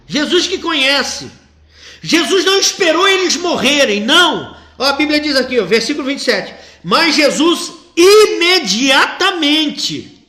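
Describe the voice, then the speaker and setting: A man's voice: very high-pitched, sharp tone, reverberant. A male pastor preaching a sermon emphatically, repeating key lines.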